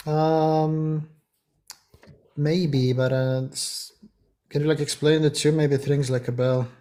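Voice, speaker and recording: A man's voice: on the high side, level tone, slow, dark tone. A man hosting a livestream, asking questions in a casual, hesitant way with frequent fillers. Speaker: livestream host. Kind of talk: casual chat.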